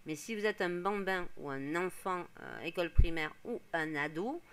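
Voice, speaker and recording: A hoarse woman streaming a life-sim game, explaining each step casually with lots of fillers. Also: on the low side, expressive, moderate pace, fairly bright tone. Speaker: gaming streamer. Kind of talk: casual gameplay commentary.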